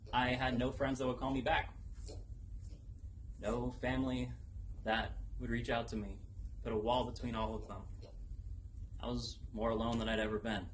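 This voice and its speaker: Young man's dramatic speech, noisy live recording. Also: mid-range voice. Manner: dramatic, deliberate delivery with pauses for effect. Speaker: contestant in a speech competition. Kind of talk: rehearsed personal storytelling speech. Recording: noticeable background noise, live event ambience.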